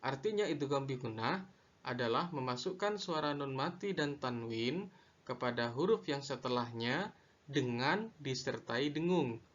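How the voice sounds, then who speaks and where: A man teaching a lesson on Quran recitation rules, slow and deliberate, repeating each definition. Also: medium pitch, animated, a bit bright, dull audio. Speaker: religious studies teacher.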